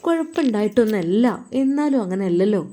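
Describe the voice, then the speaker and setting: A woman's voice: medium pitch, animated, brisk, warm tone, close to an everyday voice. A woman voicing a young wife from Malappuram who coaxes her husband in a wheedling, sing-song way. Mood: coaxing. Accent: Malappuram Malayalam.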